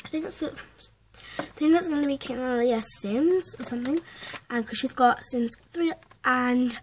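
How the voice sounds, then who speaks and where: A woman's voice: high-pitched, slight background noise. A young girl, around ten years old, chatting through a rambling, stop-start life-update vlog at home, with many fillers. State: out of breath. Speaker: vlogger. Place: at home indoors.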